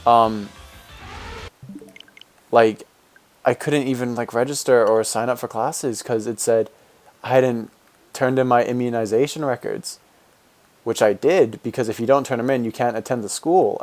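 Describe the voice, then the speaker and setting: A game streamer in his 20s with a deep, slightly mellow voice chats casually with viewers, answering the chat and rambling with fillers and restarts.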